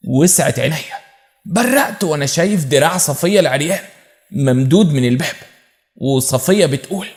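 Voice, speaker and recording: A man with an Egyptian Arabic accent narrating a dramatic first-person story in a measured storytelling manner. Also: on the high side, lively intonation.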